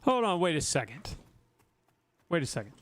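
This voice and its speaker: A man's voice: a little high, big pitch swings, normal speed. A man streaming a video game, chatting casually with his viewers and teasing them with wry asides. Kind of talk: casual livestream commentary while gaming.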